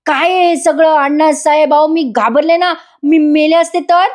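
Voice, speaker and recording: A frightened young woman, as a female narrator puts her on pleads to be let go. Her voice is high and anxious. She protests in quick, shaky bursts. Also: darkish tone, natural voice.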